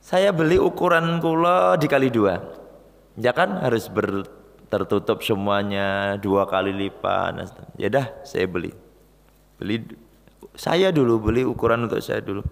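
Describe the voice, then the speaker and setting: A man with a Javanese accent telling a lively story in a sermon, acting out the voices of the people in it, recorded in a mosque. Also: lowish voice, vocal fry. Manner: lively storyteller who acts out voices, mixes in Javanese phrases. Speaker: preacher. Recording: echoey mosque hall.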